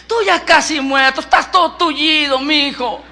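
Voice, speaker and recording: A man's voice: moderate pace, gravelly, slight background noise, exaggerated voice. A man doing a scoffing old woman Sara. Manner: high, mocking, shouting.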